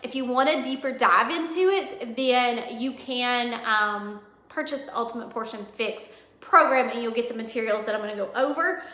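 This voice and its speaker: Woman coach rambling thru nutrition plans, bright voice, kinda echoey room, lots of ums. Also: fairly high pitch, moderate pace. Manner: chatty, rambling, many ums and self-corrections. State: losing her voice. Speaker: fitness coach. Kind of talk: casual product walkthrough video.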